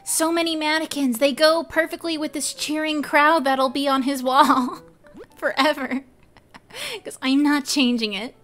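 A young woman with a high voice chats through a casual game stream, laughing often and talking to her viewers. Soft music plays faintly behind her. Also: fairly even intonation, measured pace. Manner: giggly, chatty, talks to chat. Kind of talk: casual live game commentary.

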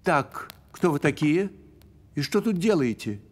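A man voices a fussy, dignified male cricket who keeps the music in a cartoon, speaking in a pompous, theatrical, old-fashioned formal style. His slightly high, darkish voice swings widely in pitch at an unhurried pace, sounding stern and scolding.

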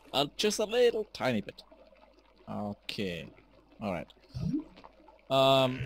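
A young man streaming a game live, rambling casually, easily startled, swearing and shouting at enemies. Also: fairly low pitch, a little hiss or hum. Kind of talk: live gameplay commentary.

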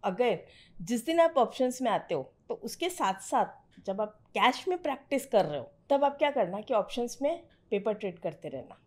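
A woman's voice: on the high side, big pitch swings, moderate pace. A middle-aged woman mentoring a student on trading in a direct, firm conversational way, slipping English phrases into her talk. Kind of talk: conversational teaching.

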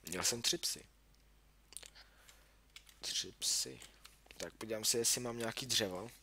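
This gaming YouTuber is a young man with a lowish, bright voice and a forceful tone. He chats to himself through casual let's-play commentary on his own game, yelping in alarm when startled, while keyboard and mouse clicks come through clearly under a slight hiss or hum.

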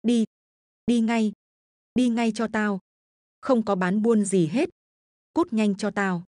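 A woman's voice: slow, darkish tone, dry recording, studio quality, lightly acted. A woman doing a fierce old grandmother. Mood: furious. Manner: scolding, shrill rebukes. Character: angry stubborn old village grandmother.

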